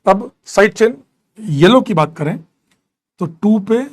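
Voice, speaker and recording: A man's voice: sits high, lively intonation, slow pace. A man teaching a live chemistry class, mixing English into his talk, counting atom numbers aloud and teasing and scolding students while he reads out and answers their questions. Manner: Hindi-English mix, scolds students jokingly.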